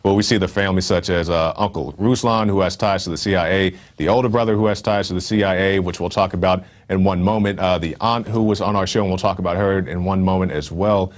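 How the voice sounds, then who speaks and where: A man with a very low voice hosts his own news commentary show. He talks emphatically and loosely, with casual asides and frequent "uh"s between his points. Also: steady tone, fast talker, few pauses. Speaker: online show host.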